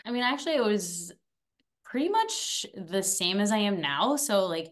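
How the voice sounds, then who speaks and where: Her medium-pitched voice is very animated, at a moderate pace. As an alumna guesting on a podcast, the young woman, raised in France and later Arizona, chats talkatively and goofily with an upbeat energy.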